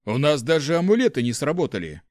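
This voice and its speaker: A man's voice: fairly high pitch, sing-song, quick pace, a little mellow, no room sound, studio quality, voice pushed up. A man voicing a middle-aged male mercenary leader in an audiobook, matter-of-fact and smirking. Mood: wry. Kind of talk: audiobook character voice.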